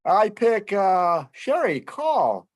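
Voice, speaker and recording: A man's voice: high voice, very animated, very slow, dry recording. A man introducing himself in an upbeat, conversational way on a video call for a community advisory group.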